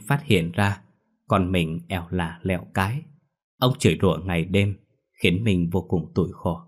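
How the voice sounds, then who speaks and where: A man narrates a ghost story in a low, husky voice. He tells it slowly and mournfully, in a steady storytelling manner.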